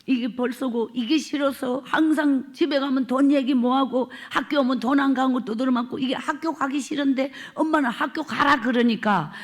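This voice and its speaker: Gyeongsang accent woman preacher, revival testimony, dramatic storytelling, high voice. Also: normal speed, few pauses. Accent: Gyeongsang Korean. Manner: dramatic storytelling, acts out quotes, drops to whispers. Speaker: evangelist preacher.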